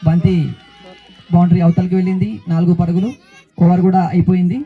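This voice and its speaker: High-pitched man calling live cricket. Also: monotone, a little fast, husky, phone-quality sound. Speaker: cricket commentator. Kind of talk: live cricket play-by-play commentary. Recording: outdoor crowd noise, open-air ambience. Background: crowd and outdoor noise.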